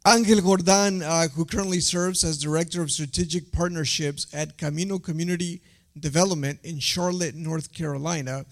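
A young man hosting a panel interview, reading guest introductions with frequent filler pauses. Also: fairly high pitch, steady tone. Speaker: host.

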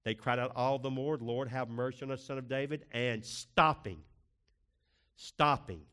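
A man's voice: medium pitch, flat delivery, brisk, smooth. A man preaching a sermon as a pastor, emphatic, with rhetorical questions and swings in pace.

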